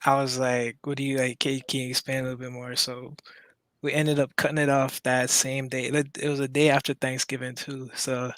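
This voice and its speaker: A man from Maryland calling in to tell a personal story, halting and full of restarts. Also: mid-range voice, flat delivery, fairly bright tone, dry recording. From Maryland, USA. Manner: hesitant, halting, many restarts. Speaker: caller.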